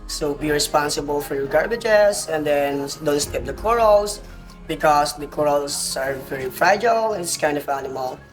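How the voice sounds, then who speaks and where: A young man working as a tour guide explains the tours and rules in plain, slightly broken English. Music plays clearly beneath his voice. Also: fairly high pitch, lively intonation, moderate pace, low-quality recording. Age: 20s. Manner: simple, non-native English phrasing. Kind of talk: interview answers.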